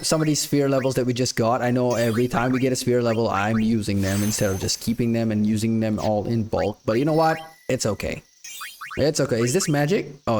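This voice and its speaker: A man with a nasal, croaky voice, sick but chatty, rambling through casual gameplay commentary. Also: on the low side, a little mellow, a little hiss or hum. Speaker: gaming youtuber.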